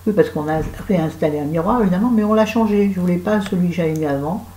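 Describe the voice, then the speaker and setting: Woman, has a cold, sore throat, lower voice, rambling self-mocking vlog, echoey room. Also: fast talker, mellow, a little hiss or hum. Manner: self-mocking, digressive, talks to viewers. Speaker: vlogger.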